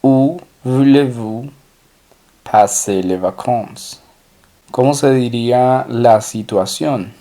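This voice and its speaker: A man teaching French in a recorded lesson, slowly drilling and repeating each phrase. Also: mid-range voice, warm tone. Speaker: language teacher.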